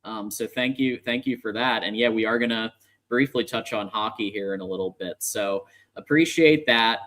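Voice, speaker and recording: A man's voice: on the low side, normal speed, fairly bright tone. A man hosting a casual livestream sports show with upbeat, conversational patter.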